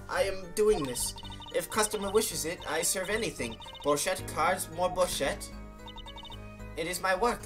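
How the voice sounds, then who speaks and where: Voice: medium pitch, pitched above the performer's own voice. A streamer voicing a brusque young Russian waitress in a put-on Russian accent with broken grammar, in a game let's play. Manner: broken grammar, curt statements.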